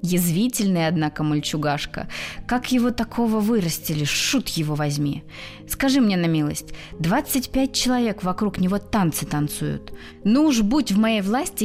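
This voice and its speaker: A woman's voice: mid-range voice, lively intonation, normal speed, darkish tone, close to an everyday voice. A woman voicing an old male street organ grinder who speaks in a cold, dignified, plain folk manner. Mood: grumbling.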